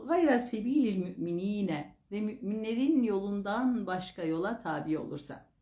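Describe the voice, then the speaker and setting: A woman preacher giving a sermon that explains Quran verses, chanting the Arabic lines slowly and then explaining them calmly. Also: on the low side, echoey room. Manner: addresses listeners as dear brothers and sisters.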